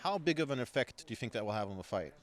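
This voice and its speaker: A man's voice: medium pitch, animated, rapid-fire. Male sports interviewer, clean resonant voice, polished promotional presenting for a fight event.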